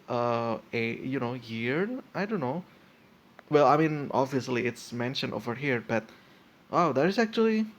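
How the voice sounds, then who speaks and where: Young male podcaster in his twenties, hesitant and talky, thinks out loud with constant ums and restarts, mid-pitched voice. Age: 20s. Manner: hesitant, full of fillers and restarts, thinking aloud. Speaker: podcast host. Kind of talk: casual solo podcast, reading and reacting.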